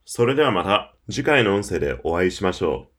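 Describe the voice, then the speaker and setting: A man's voice: low-pitched, big pitch swings, a little fast, fairly bright tone. A man presenting a scripted audio lecture for English learners, persuasive and emphatic, speaking straight to the listener.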